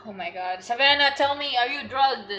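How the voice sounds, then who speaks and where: A woman's voice: a little high, normal speed, pushed and bright, highs cut off, faint music behind. A young woman streamer chatting casually over a game, rambling and giggling as she reacts.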